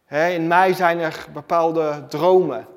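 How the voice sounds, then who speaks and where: A man preaches with emphatic, repeating phrases in a fairly high voice. His sermon rings out with a long reverb in a church hall. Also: fairly even intonation, takes it slowly. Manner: emphatic, repetitive preaching cadence.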